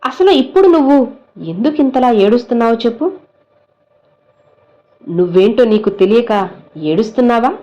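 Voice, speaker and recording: A woman speaking as a gentle, fatherly male saint who consoles a crying devotee, with tender, coaxing questions. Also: fairly high pitch, expressive, moderate pace, long pauses, muffled recording, voice pushed up, close to an everyday voice. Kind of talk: devotional message spoken as the saint.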